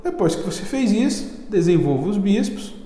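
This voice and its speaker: A man with a Brazilian accent, a chess teacher chatting casually in an interview and telling stories in a lively, slangy way. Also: high-pitched, normal speed, a little hiss or hum. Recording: echoey room with long reverb.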